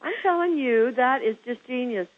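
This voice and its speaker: A woman's voice: high voice, normal speed. A middle-aged woman from Kansas hosting a casual interview, gushing with praise and calling her guest girl. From Kansas, USA. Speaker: host of a home-staging show. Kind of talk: casual interview on a phone line. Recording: tinny phone line.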